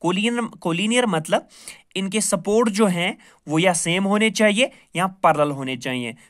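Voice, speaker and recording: A man's voice: high-pitched, unhurried, a bit bright. A male math teacher giving a recorded lecture, repeating each point patiently, asking himself questions and answering them, with English math terms mixed in.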